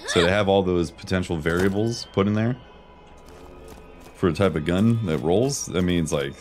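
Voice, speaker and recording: A man with a low, slightly mellow voice and moderate pace streams a video game, chatting casually and musing on the game in a slangy, informal, conversational way. Video game music plays in the background.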